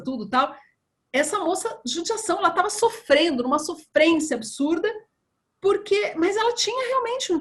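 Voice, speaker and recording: Lively woman doctor telling stories. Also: high-pitched. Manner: animated storytelling, acts out dialogue. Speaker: breast surgeon guest. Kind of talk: conversational interview.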